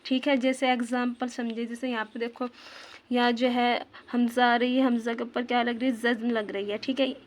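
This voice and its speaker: A woman teaching a tajweed lesson on Arabic letter sounds. She patiently repeats terms, asks questions back to the viewer, and slows down to demonstrate pronunciation. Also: fairly high pitch, little pitch movement. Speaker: Quran recitation teacher.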